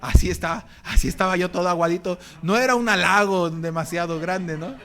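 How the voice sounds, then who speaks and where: Middle-aged man, pastor giving a church sermon; high voice, playful and self-mocking. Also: fairly quick, sharp tone. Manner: humorous, acts out his own groans and complaints. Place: church hall.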